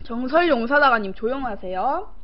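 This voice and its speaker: A young woman with an animated, fairly high voice hosts a live-stream eating show at a moderate pace. She chats casually with viewers while eating in a small indoor room, sometimes playful and singsong, with short murmurs between phrases. The stream audio sounds dull and lo-fi.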